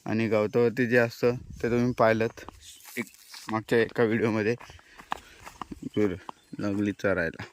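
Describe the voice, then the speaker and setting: A man from Konkan, India, giving a relaxed, chatty walking-tour narration to his viewers outdoors in a hilly forest pasture. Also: lowish voice, moderate pace, long pauses, a little hiss or hum. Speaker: village vlogger.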